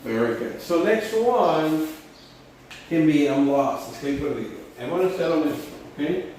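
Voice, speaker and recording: A man teaching English phrases at a whiteboard, switching between English and Spanish and repeating each phrase slowly several times. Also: a little high, lively intonation, darkish tone. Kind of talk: bilingual whiteboard lesson. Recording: roomy, distant mic, faint background hum.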